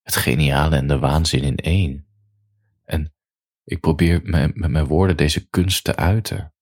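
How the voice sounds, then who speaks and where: A man musing aloud in an unhurried monologue as a podcaster, then reading his own story aloud. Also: rumbling low, steady tone, a little mellow, no room sound, studio quality.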